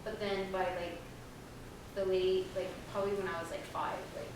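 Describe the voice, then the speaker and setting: A young woman with a mid-range voice, fairly even intonation and normal speed tells her family's story on a panel, loose and chatty and full of fillers. A distant room mic catches her from far off in a large, echoey hall, with background noise.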